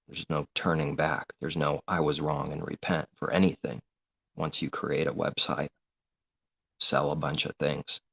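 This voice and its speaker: A man's voice: extremely low pitch, vocal fry, slightly rough. A man giving an informal religious monologue, earnest and rambling, on a muffled lo-fi recording. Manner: earnest, rambling, grows heated.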